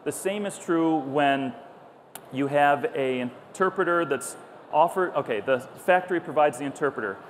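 Wearing a lapel mic on stage at a crowded trade show, a middle-aged man who founded a company tells stories in a lively, conversational talk, playing out the dialogue himself. His fairly high voice moves at a normal speed, and the hall's noise comes through clearly behind him.

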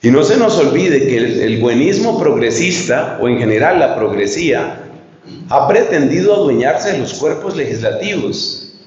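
A man's voice: mid-range voice, very animated, normal speed, a little mellow. A man, a priest giving an earnest retreat talk and putting questions straight to his listeners. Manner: earnest, speaks straight to the audience, poses questions. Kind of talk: lecture to a retreat group. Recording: echoey room, dull lo-fi sound.

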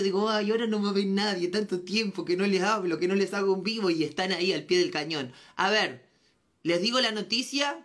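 A woman's voice: on the low side, fairly bright tone. An Argentine woman hosting a comedy live stream, chatting playfully and teasing as she answers viewer comments. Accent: Argentine Spanish. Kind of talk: casual live-stream chat.

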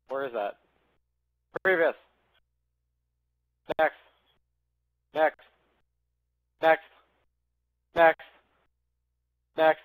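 A man casually chatting while he barks loud voice commands at a game console and laughs often. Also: fairly high pitch, no echo, poor audio. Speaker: gamer trying voice control. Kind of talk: casual gaming chat.

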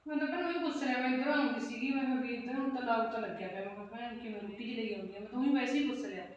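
A woman's voice: a little high, racing, close to an everyday voice. An actress playing a nosy woman tenant who pries into her landlady's business. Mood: prying. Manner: prying, chatty. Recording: echoey room, dull sound.

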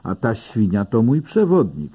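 A man's voice: on the low side, wildly swooping pitch, mellow, slightly rough, full character voice. A man reading an audiobook, voicing a cocky blind male army veteran who argues indignantly. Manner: indignant, fast-talking arguments.

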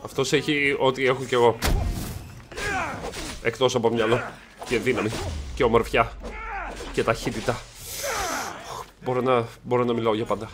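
A man's voice: mid-range voice, flat delivery, long pauses, noisy background. Joking young man commenting on a game. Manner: joking, swearing, playful. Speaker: gaming channel host. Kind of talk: let's play commentary.

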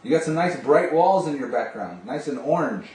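A middle-aged male salesman of video phones speaks in a voice on the high side, expressive and a little mellow, at a moderate pace. He chats casually and gushes with enthusiasm while demonstrating a product and talking on a call, indoors in a small home office. A camera a few steps away gives the recording a roomy, distant, hissy sound.

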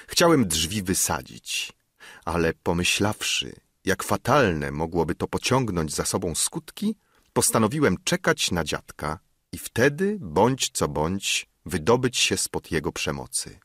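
A man reading a novel aloud as a first-person narrator, with an expressive, emotional delivery. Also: deep voice, dry recording, clean studio sound. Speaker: audiobook narrator.

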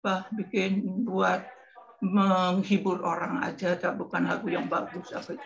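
A woman in her eighties telling lively stories with laughter as a guest on a talk show. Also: on the low side, a little slow, gravelly, dull audio, crowd noise. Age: 80s. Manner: lively, laughing, mimics singing scales. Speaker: guest entertainer. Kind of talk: casual talk show storytelling.

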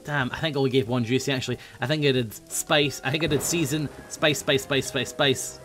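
A young man hosting a gaming video, chatting fast and calling out food orders while he plays. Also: medium pitch, steady tone, over music. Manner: hyper, chatty, calls out orders while playing. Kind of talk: casual let's-play commentary.

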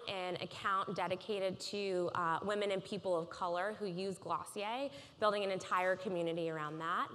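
A woman's voice: lowish voice, a bit bright. Woman giving a keynote in a hall. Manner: polished, measured presentation. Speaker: keynote speaker. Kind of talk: conference keynote. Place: large conference stage. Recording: reverberant conference hall.

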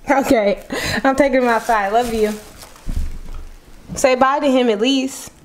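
Woman, high voice, teasing prank-vlog chat, excitable, echoey room. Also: measured pace. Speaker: prankster vlogger. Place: indoors in a bedroom. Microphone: handheld camera. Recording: echoey room, slight background noise.

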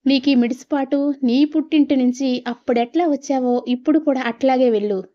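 A woman's voice: high-pitched, a little fast, highs cut off, close to an everyday voice. Woman reading as a stern older husband. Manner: firm, scolding. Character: stern older husband, fed-up head of house.

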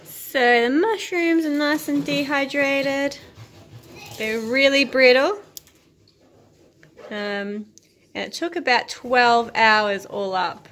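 A woman in her thirties chats to a phone camera at arm's length from her kitchen, sounding eager about her haul. Her voice sits somewhat high. A faint hum of room noise sits behind her. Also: slow, long pauses, a bit bright. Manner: chatty, enthusiastic about the haul. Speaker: homesteading vlogger. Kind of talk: casual vlog narration. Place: home kitchen indoors.

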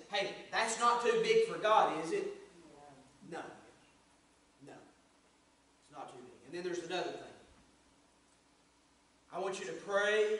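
A man preaching a sermon as pastor, swelling to emphatic bursts and then dropping low. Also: a bit bright. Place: church sanctuary. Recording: echoey sanctuary from far off.

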